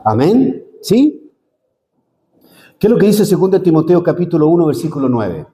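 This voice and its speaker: A middle-aged man preaching a sermon as pastor, animated, with sudden high swoops and chatty asides. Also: moderate pace. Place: church sanctuary. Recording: long hall reverb.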